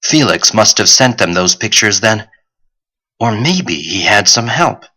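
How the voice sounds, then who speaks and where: Male audiobook narrator, lowish voice, bright, steady, clear. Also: a little slow, low-quality recording. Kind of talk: scripted narration.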